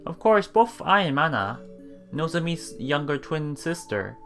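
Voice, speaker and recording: A let's play streamer reads a visual novel aloud over game music, stumbling, rereading lines and murmuring reactions between passages. The voice is medium in pitch, a little slow, with big swings in pitch.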